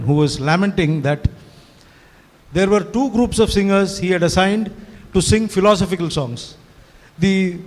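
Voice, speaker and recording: Here a sixty-year-old event organizer, Tamil by first language, speaks to an audience in a high-sitting voice with a darkish tone. The talk is conversational and rambling yet fluent, mixing Hindi and English and peppered with "you know." Long reverb from the hall is audible.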